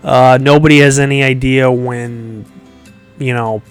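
At a measured pace, this podcast host talks in a clean-toned, mid-range voice with fairly even intonation, though it sounds nasal and congested. He rambles casually, using many fillers and restarts and chuckling often, with faint music behind.

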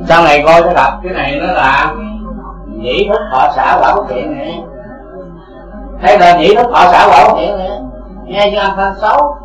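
A man's voice: high-pitched, normal speed, echoey room, soft background music, low-quality recording. A man teaching Buddhist dharma to a congregation, asking rhetorical questions again and again.

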